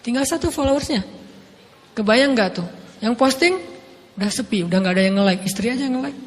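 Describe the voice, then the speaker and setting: Preacher guy in his 30s, really high voice, tells the story with voices, big hall echo. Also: fairly quick. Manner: animated, acts out quoted dialogue. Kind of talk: sermon storytelling.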